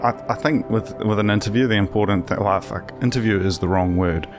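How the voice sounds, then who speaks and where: A man hosting a podcast, talking in a relaxed, rambling way with casual swearing. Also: on the low side, a little fast, over music. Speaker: podcast host. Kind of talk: casual conversational interview.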